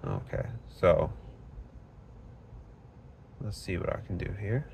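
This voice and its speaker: A man from Florida, United States, sits in a parked car and films with a handheld phone, casually walking through network speed tests in a plain, explanatory way and reading the numbers off the screen. His low, creaky voice has a darkish tone and a sing-song lilt, and he takes it slowly. There's slight background noise.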